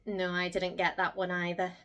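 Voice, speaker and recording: An actress playing a gossipy, excitable young vlogger, gushing and gasping as she talks in a comedic monologue. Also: on the low side, moderate pace, clear, resonant tone. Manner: gushing, gossipy, breathless gasps and squeals.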